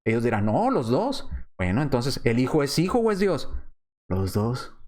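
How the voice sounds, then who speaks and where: A man preacher giving an apologetics lesson, methodical, asking rhetorical questions and repeating his points slowly. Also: medium pitch, very animated, darkish tone.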